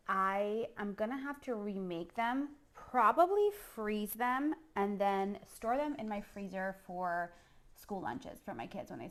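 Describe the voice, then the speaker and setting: A middle-aged woman from San Juan, Puerto Rico, hosts a live-streamed cooking demo as a chef, chatting casually and speaking directly to viewers with frequent "okay?" tags. Her voice is medium-pitched with a fairly bright tone.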